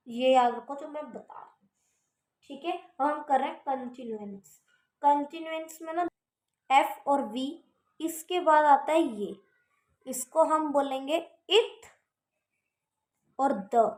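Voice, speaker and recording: High-voiced woman teaching in an echoey room. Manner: repeats "theek hai" to check understanding. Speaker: shorthand teacher. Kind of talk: casual classroom explanation.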